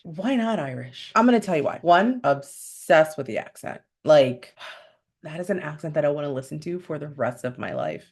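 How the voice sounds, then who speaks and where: Young woman vlogging, low voice, chatty, says like a lot, swoops up for emphasis. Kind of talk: casual talk to camera.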